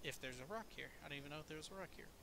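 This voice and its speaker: A man's voice: a little high, racing, gravelly, noisy background. A man giving casual gameplay commentary, explaining things step by step in a laid-back way with plenty of swearing. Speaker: gaming video host.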